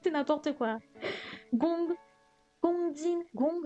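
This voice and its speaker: A woman's voice: high voice, very slow, dark tone, highs cut off, faint music behind. A woman streaming live as she revises vocabulary, thinking aloud and often correcting herself. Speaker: streamer studying Chinese vocabulary. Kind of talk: live-stream study session.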